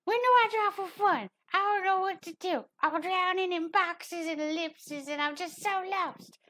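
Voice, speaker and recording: Woman doing a whiny lost art student, high drawn-out mocking whine. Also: a bit bright.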